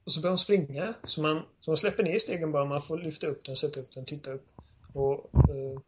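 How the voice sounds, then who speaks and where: A man's voice: fairly high pitch, steady tone, very noisy. A man casually discussing a video game, retelling its scenes with lots of enthusiasm and fillers.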